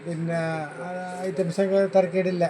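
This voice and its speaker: A man from Kerala being interviewed in a busy showroom, giving short, halting, agreeing answers. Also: sits high, flat delivery, rough recording. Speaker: interviewee, new member. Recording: crowd chatter in a busy showroom.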